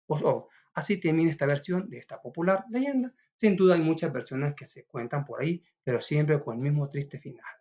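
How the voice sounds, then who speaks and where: A man's voice: a little high, animated, brisk, few pauses, darkish tone. A man explains a school drama lesson in a loose, casual way. He keeps checking in with a short "va?". The sound is dull and lo-fi. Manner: casual, asks "va?" often. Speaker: teacher. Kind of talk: recorded lesson.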